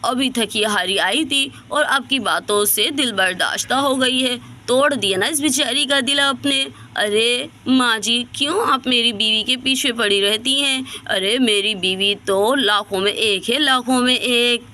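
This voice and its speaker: A woman's voice: fairly high pitch, measured pace, hardly any pauses, pushed and bright. A woman voicing a soothing, doting young husband in a doll story. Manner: soothing, coaxing. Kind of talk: storybook voice acting for a doll video.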